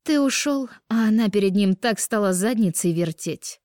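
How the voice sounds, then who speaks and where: A woman's voice: medium pitch, animated, normal speed, a little mellow, dry recording, studio quality, voice pushed up, lightly acted. A woman voicing a jealous teenage girl who shrilly accuses a rival. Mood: spiteful shrill.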